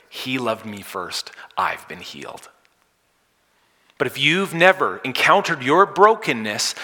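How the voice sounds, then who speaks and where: A man preaches a sermon in a church sanctuary with a bright, forceful voice. He pushes loud on key words, then sinks to a hush. His voice carries a long reverb from the hall. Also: mid-range voice. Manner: dynamic, swinging from loud emphasis to soft hushed lines. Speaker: pastor.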